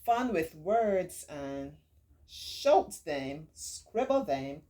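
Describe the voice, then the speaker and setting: A middle-aged woman tutor with a deep, mellow voice reads a story aloud to children and parents, adding warm, informal teaching asides. She speaks very slowly in a sing-song way, stretching key words and repeating points for emphasis in a reassuring, encouraging manner.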